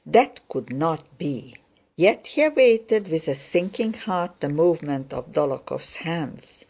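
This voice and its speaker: Low-voiced woman reading an audiobook, slow and steady. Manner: measured, unhurried reading. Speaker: audiobook narrator. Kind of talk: scripted narration.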